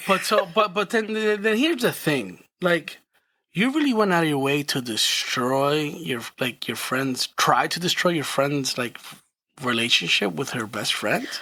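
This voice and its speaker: A man's voice: a little high, lively intonation, unhurried, pushed and bright. A man co-hosting a podcast in casual, slangy chat, agreeable and laughing often. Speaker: podcast co-host.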